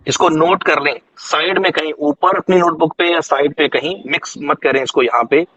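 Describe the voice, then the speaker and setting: A man with an Indian accent teaching a spoken English class online, slowly repeating phrases for his students. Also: fairly high pitch, bright, forceful tone, husky, dry recording, highs cut off. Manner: slow, drawn-out repetition of English phrases for students.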